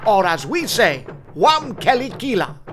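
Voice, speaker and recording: A man's voice: sits high, sing-song, measured pace, pushed and bright, a little hiss or hum, exaggerated voice. A man voicing a friendly village chief in a cartoon, speaking in a courteous, welcoming way.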